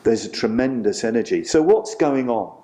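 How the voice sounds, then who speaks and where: A male Buddhist teacher giving a retreat talk, telling a story in an animated way with frequent fillers. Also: medium pitch, moderate pace, gravelly. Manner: animated storytelling with many "you know" fillers.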